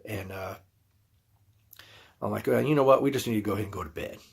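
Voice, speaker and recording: Gravelly, husky man telling a story. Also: fairly low pitch, brisk. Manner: folksy, rambling, retells his own quoted reactions. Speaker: YouTube channel host. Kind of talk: casual storytelling to camera.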